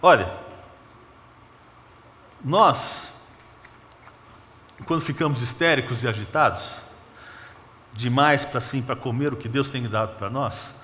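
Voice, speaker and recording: A man with a Brazilian Portuguese accent preaching a sermon as pastor, murmuring soft counts and building to emphatic appeals. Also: medium pitch, takes it slowly, long pauses. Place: church sanctuary. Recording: long church reverb with faint ambience.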